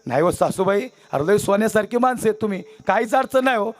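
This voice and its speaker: A man's voice: high voice, lively intonation, fast. A man voicing a tearful young village bride. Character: newly married young village daughter, tearful, missing her father.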